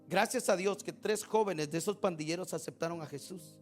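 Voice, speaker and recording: A male pastor preaching a sermon, swinging from quiet storytelling to emphatic rising bursts and acted-out prayers, often asking the congregation rhetorical questions. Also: high-pitched, fairly quick, faint music behind.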